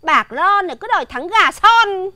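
An actress playing a sharp-tongued, nagging peasant wife who complains rapidly. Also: female voice, expressive, dry recording, full character voice. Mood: complaining. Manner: shrill complaining, rapid-fire.

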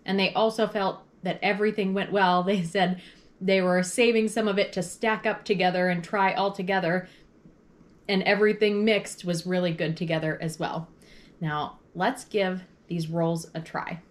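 A woman's voice: fairly low pitch, steady tone, normal speed. Chatty woman taste-testing food. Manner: chatty, describes flavors and textures in detail. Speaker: food blogger recreating vintage recipes. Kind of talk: casual taste-testing commentary.

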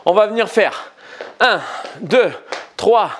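A man's voice: high voice, takes it slowly, slight background noise. A man coaching a home workout class, encouraging the viewer and counting out reps. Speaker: fitness coach. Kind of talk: guided home workout instruction.

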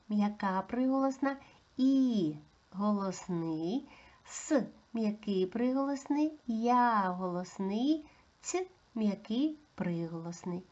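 Woman teacher for a preschool phonics lesson: very slow, patient delivery, sings out vowels, slightly dull recording. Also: on the high side, dark tone. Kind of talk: slow, deliberate phonics lesson for small children.

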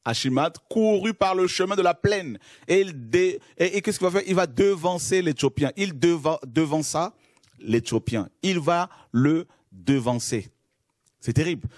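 A man's voice: on the high side, animated, a little slow, dry recording, studio quality. A man preaching a sermon, reading scripture and stressing key phrases by repeating them, calling his listeners friends.

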